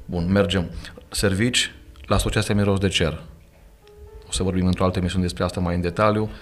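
A man's voice: sits low, fairly even intonation, faint music behind. A man with a Romanian accent speaking as a pastor in a podcast conversation, earnest and emphatic, quoting scripture as he talks. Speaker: pastor and guest. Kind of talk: podcast conversation, preaching manner. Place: studio.

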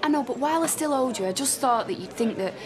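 A woman's voice: high voice, expressive, quick pace. A woman with a Northern English accent playing an apologetic young woman in a naturalistic TV soap. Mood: earnest, guilty. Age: young adult. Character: apologetic young woman pleading and making amends. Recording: busy cafe and pub chatter behind.

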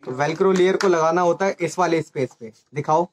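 A motorcycle gear channel presenter walks through a hands-on tutorial step by step in a small indoor room. His voice is fairly high and his pace normal. Faint background noise and clicks can be heard.

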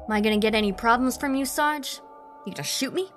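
A woman's voice: a little high, fast, faint music behind, pitched above the performer's own voice, lightly acted. A woman voicing a cursing, defiant soldier. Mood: hostile. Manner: scornful, shouting, swearing. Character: angry defiant male WWI soldier, cursing.

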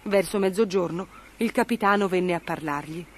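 A woman narrating a children's fairy tale in an expressive, varied scripted reading. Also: lowish voice, normal speed, a little hiss or hum. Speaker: storyteller.

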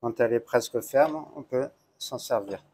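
A man's voice: mid-range voice, normal speed, background noise. A middle-aged man, a hotel chef giving a plain, step-by-step cooking demonstration on a lapel mic while he works. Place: hotel kitchen, indoors.

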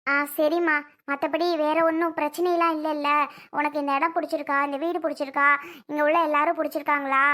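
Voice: sits high, little pitch movement, quick pace, pushed and bright. A child voicing a protective, bossy elder sister-in-law who scolds firmly. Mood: concerned. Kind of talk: homemade family drama.

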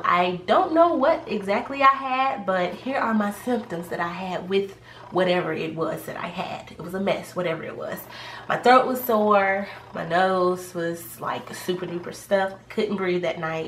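A woman's voice: fairly low pitch, a bit bright. A woman talking casually in a vlog, chatty and rambling with many fillers, sounding a little congested from a cold. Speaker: pregnancy vlogger. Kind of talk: casual vlog talk to camera. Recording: echoey room, faint background noise.

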